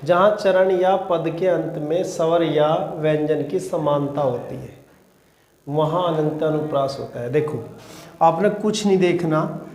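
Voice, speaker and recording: A man teaching Hindi grammar to a class, explaining slowly and repeating key words as he asks questions. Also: fairly high pitch, darkish tone, echoey room. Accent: Western Uttar Pradesh Hindi. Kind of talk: classroom lecture.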